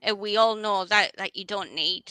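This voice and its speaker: A woman's voice: mid-range voice, moderate pace, bright, forceful tone, clear, resonant tone, no echo, low-quality recording. A woman hosting a casual livestream, chatty and rambling, often restarting her sentences. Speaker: livestream host.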